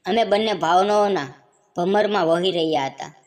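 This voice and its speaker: A woman with a fairly low voice tells a first-person story. She reads in a calm, measured way, with steady storytelling pacing. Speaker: narrator.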